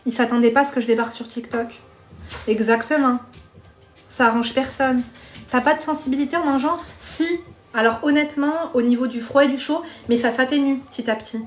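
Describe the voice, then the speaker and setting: A woman's voice: sits high, fairly quick, faint music behind. A woman hosting a live stream, chatting bluntly with viewers, reading their comments and giving dating advice while calling them pet names.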